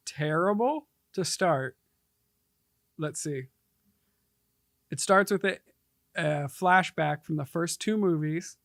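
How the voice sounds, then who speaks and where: A man's voice: a little high, takes it slowly, pauses often, a bit bright, no room sound, clean studio sound. Easily laughing male co-host. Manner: laughs easily, agreeable replies. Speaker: podcast producer sitting in as co-host. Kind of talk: casual chat.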